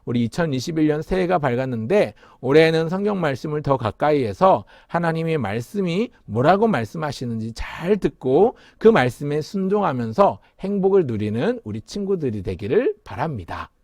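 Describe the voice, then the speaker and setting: A man's voice: a little high, big pitch swings, moderate pace, few pauses, darkish tone, no echo, clean studio sound. A male pastor giving a children's sermon in a sing-song way, leading the kids in call-and-response.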